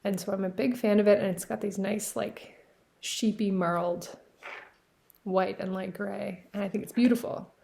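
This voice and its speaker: Knitting vlogger from Newfoundland, Canada: casual show-and-tell, mid pitch, a little vocal fry, rambling and self-correcting. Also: female voice, steady tone, moderate pace, warm tone. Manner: chatty, rambling, with frequent fillers and self-corrections. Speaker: knitting podcast host. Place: cabin by the sea.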